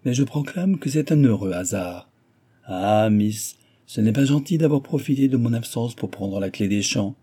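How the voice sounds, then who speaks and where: A man's voice: mid-range voice, moderate pace, dark tone, husky, lightly acted. A man voicing a scheming villainous suitor who speaks with mocking courtesy and a threat behind it. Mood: ironic. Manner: mocking, oily courtesy, grinding his teeth.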